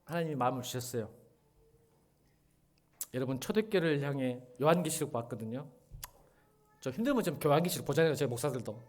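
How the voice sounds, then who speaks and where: A middle-aged man, a pastor, preaching a sermon in a church, shifting between quiet, earnest lines and loud, animated retellings. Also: medium pitch, quick pace, pauses often. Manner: animated, swings from soft to loud when retelling a drama scene. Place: church sanctuary.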